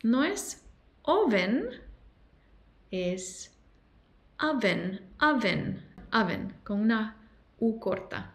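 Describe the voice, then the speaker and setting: A woman teaching pronunciation, repeating each word slowly and carefully as a language teacher. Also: fairly high pitch, animated, fairly bright tone. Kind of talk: pronunciation lesson.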